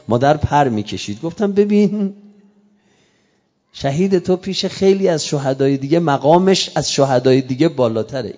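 Impassioned preacher in a muffled, echoey hall. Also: male voice, mid-range voice, a little mellow. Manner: impassioned storytelling, rising to cries. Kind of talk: sermon.

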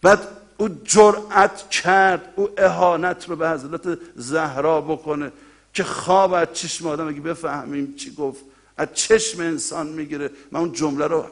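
A male preacher giving a colloquial, impassioned mourning sermon that swells into loud cries and drops to quiet asides to the congregation. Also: a little high, steady tone. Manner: colloquial, direct address to the congregation.

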